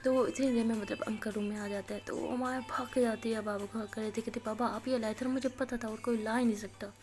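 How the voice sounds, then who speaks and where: Brief: casual storyteller with a Pakistani Urdu accent, a woman with a fairly high voice who voices every character's lines herself. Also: steady tone, music in the background. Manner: retells scenes in quoted dialogue, rising loud for angry lines.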